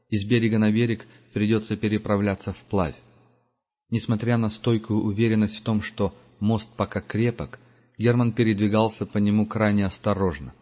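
Low-voiced male audiobook narrator. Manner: measured, steady storytelling. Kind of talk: scripted narration. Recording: dull lo-fi audiobook recording.

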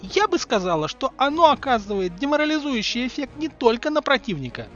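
A man voicing a prim, clever teenage girl witch, with a raised, girlish pitch. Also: big pitch swings, brisk, fairly bright tone, dull audio, faint music behind, full character voice. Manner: prim, dry remarks.

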